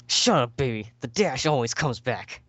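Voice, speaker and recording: A man's voice: medium pitch, normal speed, slightly rough. A man doing Rainbow Dash, swaggering tough pony. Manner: swaggering, deadpan tough-guy lines. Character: brash tough-talking female pony, faking manliness. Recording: lo-fi voice call.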